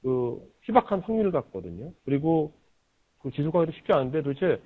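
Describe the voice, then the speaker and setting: A man leads an interview, pressing his guest with searching questions and filling the pauses with short sounds of agreement. His voice comes through thin and tinny, like over a phone line. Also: fairly high pitch, sing-song, husky. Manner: probing, frequent backchannel agreement. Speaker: interviewer, host. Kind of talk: book interview. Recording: tinny lo-fi radio-like audio.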